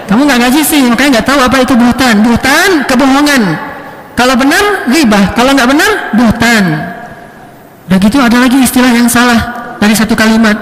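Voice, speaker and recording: A man preaching a sermon who asks the audience questions and lists things in lively runs. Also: very high voice, brisk, a little hiss or hum. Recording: long reverb of a large hall.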